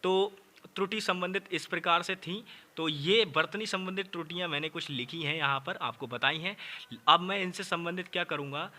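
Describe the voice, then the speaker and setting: A man with a high voice teaches an online spelling class. His tone is very bright and sharp. He keeps it chatty and often calls his students brother. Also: normal speed. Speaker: Hindi teacher.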